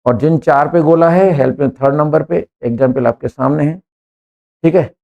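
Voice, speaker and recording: A man's voice: fairly high pitch, normal speed, vocal fry, lo-fi sound. A man teaching an English class, joking and quizzing students one by one.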